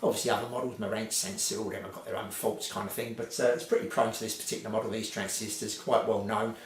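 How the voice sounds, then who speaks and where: A man gives an unscripted, informal review of vintage hi-fi gear, rambling, repeating phrases, and hedging a lot. He has a lowish, level voice and talks fast, recorded in an echoey, roomy home setting with a little hiss or hum.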